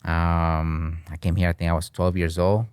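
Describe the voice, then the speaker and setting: This deep, smooth, clean voice belongs to a man from Peru in his thirties, a bartending business owner being interviewed on a podcast in a studio decorated with flags. Recorded close with no room sound, he talks at a moderate pace in a relaxed, meandering way, regularly checking in with "right?" or "you know?" and occasionally dropping into Spanish.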